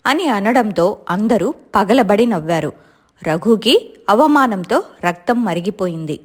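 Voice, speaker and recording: A woman's voice: mid-range voice, animated, a little slow. Woman narrating a dramatic family story.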